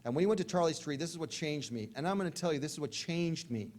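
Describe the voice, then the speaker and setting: A man speaking to a convention crowd as a recovery speaker, telling his story in a jokey, slangy way with quick asides. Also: fairly high pitch, animated, darkish tone.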